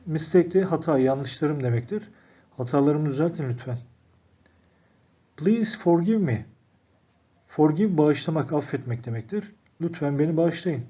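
A man teaching an English lesson, reading each phrase out and then explaining it calmly to the viewers he calls friends. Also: on the high side, breathy edge. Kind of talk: recorded language lesson. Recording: dull lo-fi recording.

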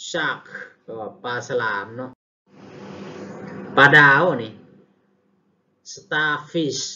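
A man with a Lao accent teaches English vocabulary at a very slow, deliberate pace, repeating each word several times before he explains it. His voice sits at an ordinary pitch. The recording sounds dull and lo-fi, with a faint hiss behind it. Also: pushed and bright. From Laos. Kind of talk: vocabulary lesson.

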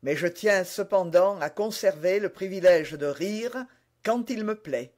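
A man voicing a calm, disdainful nobleman who speaks with unhurried irony. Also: high-pitched. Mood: mocking. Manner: ironic, insolent, unhurried.

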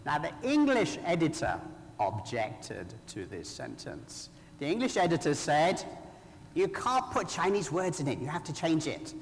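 Male speaker, Sri Lankan accent, slightly high voice, wry anecdotal public talk, big reverberant hall. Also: big pitch swings, measured pace, a little hiss or hum. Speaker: author speaking at a conference. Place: large hall, live talk to an audience. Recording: very echoey hall with long reverb.

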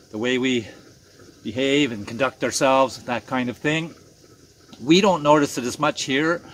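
At a night campfire in the woods, an older Canadian man hosts a casual outdoor vlog for his channel, easygoing and chatty, dropping an "eh" now and then. His voice is on the high side, with a little hiss or hum.

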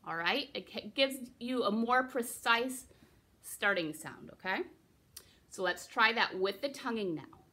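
Bright-voiced woman teaching recorder. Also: fairly high pitch, expressive, unhurried. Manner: patient, encouraging, counts students in. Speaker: music teacher. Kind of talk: recorder lesson for children.

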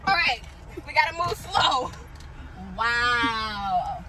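A young woman riding in a car, teasing her friends loudly and swearing. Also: a little high, lively intonation, drawn-out words, low-quality recording. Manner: loud, teasing, profane. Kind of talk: casual chat with friends. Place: inside a moving car. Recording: phone audio with loud road noise.

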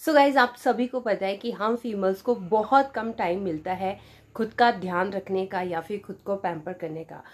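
A woman's voice: medium pitch, moderate pace. A woman in her thirties with an Indian English accent, talking into the camera in a small room about a skincare kit, mixing Hindi and English and dropping in "you know" often. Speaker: beauty vlogger. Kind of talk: product review vlog.

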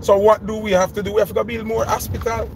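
This vlogger, a man in his thirties with a Jamaican accent, has a high, gravelly voice with little pitch movement and a quick pace. He rants emphatically from inside a noisy car, repeating his questions and mixing Patois with English, recorded on a phone camera held close.

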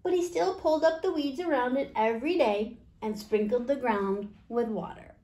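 Here a fortysomething woman reads a picture book aloud as a storytime host, using simple phrasing and questions for the children. The small indoor room holds her higher-pitched, dark-toned voice, delivered at a normal speed.

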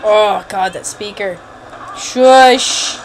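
A woman's voice: mid-range voice, expressive, a little slow, slight background noise, rough recording. A woman giving casual, jokey let's play commentary, exclaiming and muttering to herself as she plays.

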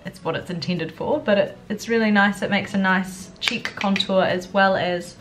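A woman's voice: medium pitch, normal speed. Young woman vlogger, stuffed-up and unwell. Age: young adult. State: congested with a cold, feeling groggy and unwell. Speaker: beauty vlogger. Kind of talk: chatty get-ready-with-me makeup tutorial. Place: furnished living room at home, indoors. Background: background music.

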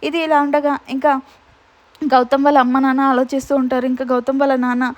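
A woman with a high voice races through a TV serial recap and barely pauses. Her delivery stays flat and even, and she keeps chaining lines with the same linking fillers. The sound is close and dry. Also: no echo. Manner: rapid storytelling, strings lines together with repeated linking fillers. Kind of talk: retelling a TV serial episode.

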